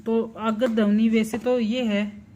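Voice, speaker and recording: A woman teaching a primary class, explaining slowly and deliberately, spelling out sounds one at a time and answering her own questions. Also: a little high, little pitch movement, mellow, dull audio. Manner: slow and deliberate, asks the class questions and answers them herself. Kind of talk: slow explanatory lesson.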